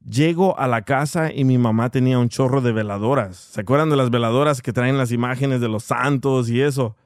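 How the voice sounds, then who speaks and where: A man's voice: medium pitch, fairly quick, no echo, clean studio sound. A man telling a funny story in casual chat, laughing and acting out the people in it. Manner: animated, laughing, acts out voices of people in his story.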